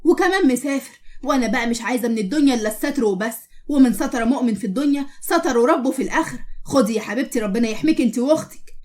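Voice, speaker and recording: A woman's voice: high voice, rapid-fire, a little mellow, natural voice. A woman with an Egyptian accent voicing a kindly, pious older widowed landlady who speaks tenderly. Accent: Egyptian Arabic.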